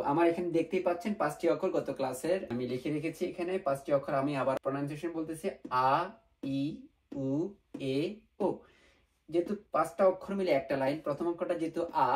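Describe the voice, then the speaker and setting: A man's voice: a little high, darkish tone. A man teaching a beginner lesson step by step, patiently repeating each sound and asking rhetorical questions, with English words slipped into his speech. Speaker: language teacher.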